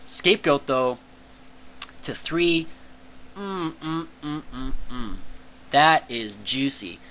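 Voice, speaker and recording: A young man talks casually and eagerly for his channel, his voice bright and forward. He rambles with filler words and bursts of enthusiasm. A faint room ambience sits behind him. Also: mid-range voice, a little hiss or hum, poor audio. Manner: excitable, chatty, says "dude" and "like" a lot. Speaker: channel host reviewing card game banlist.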